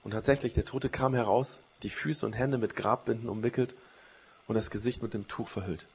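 A man preaching a sermon, retelling a Bible story with a storyteller's rise and fall and dropping low for quoted words. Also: steady tone, fairly quick, creaky, breathy edge.

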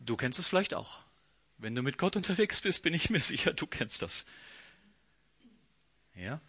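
A man preaching a sermon, telling the story with lively energy and acting out the inner voices of the characters. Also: fairly high pitch, normal speed, breathy edge, no room sound.

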